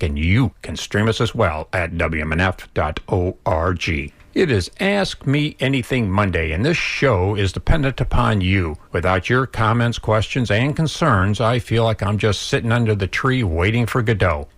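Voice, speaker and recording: A man's voice: on the low side, dry recording, clean studio sound. A man introducing a radio show as its announcer, with folksy, old-time 1920s slang in a scripted style.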